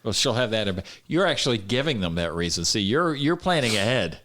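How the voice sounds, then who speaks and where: A man's voice: lowish voice, sing-song, brisk, noisy background. A man, a stand-up comedian guest, trading crude jokes and laughing often in a casual conversation. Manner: crude, joking banter with frequent laughter and mock voices.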